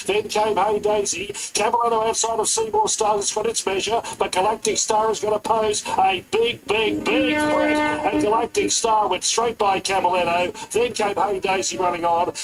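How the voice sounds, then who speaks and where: A man's voice: high voice, vocal fry, low-quality recording. A man working as a race caller, giving live horse racing commentary.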